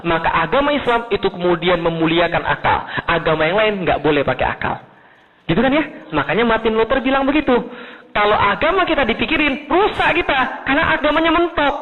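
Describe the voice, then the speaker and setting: A man from Indonesia preaches with a high, quick voice, telling stories and acting out the people in them. He keeps turning to the audience with questions. The recording sounds thin and phone-like, with a long echo from a large hall. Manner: animated storytelling with quoted voices, asks the audience questions. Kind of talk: lively sermon to an audience.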